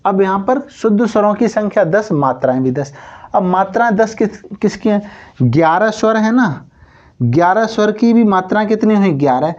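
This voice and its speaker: A man's voice: sits high, lively intonation, normal speed, darkish tone, dull audio. A man teaching Hindi grammar in an exam coaching lesson. He asks and answers his own questions, keeps saying "theek hai", and stretches words out to show how long the vowels are.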